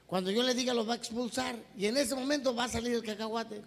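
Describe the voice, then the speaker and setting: A man with a Mexican accent voicing a polite young male medical student in a calm, courteous tone. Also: very high-pitched, fast talker, vocal fry. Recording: echoey hall, faint background noise.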